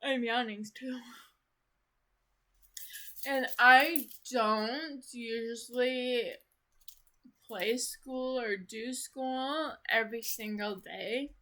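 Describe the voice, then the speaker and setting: A woman talking through a casual vlog in a slow, unhurried way, her voice sitting a little high. It has a bright, forceful edge, and she rambles along, leaning on "like" and restarting her sentences. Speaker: vlogger.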